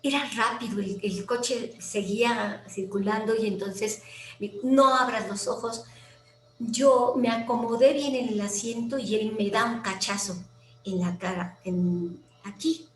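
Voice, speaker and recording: A woman with a Mexican accent, a guest telling a personal story in a lively way, acting out quoted voices and sometimes dropping to a near whisper. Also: on the high side, a little slow. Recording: roomy with faint background noise.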